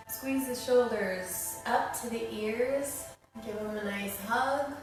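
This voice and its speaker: A woman teaching yoga, guiding a class in a soothing, unhurried manner. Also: medium pitch. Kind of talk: guided yoga class instruction. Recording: very echoey room, distant mic, music behind. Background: music.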